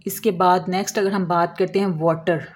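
A woman explaining a lesson as an English teacher, slowly drawing out example words and answering her own questions. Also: lowish voice, fairly even intonation, slight background noise. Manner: asks questions and answers them herself.

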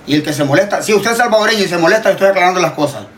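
A man's voice: high voice, animated, very fast. A Honduran man, a TikTok creator, ranting in casual chat, emphatic and repetitive, swearing freely. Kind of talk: heated casual rant.

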